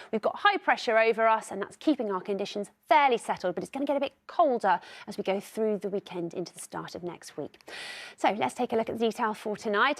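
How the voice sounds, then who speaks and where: Friendly TV weather presenter woman. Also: on the high side. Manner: bright, friendly, conversational. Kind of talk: broadcast weather forecast.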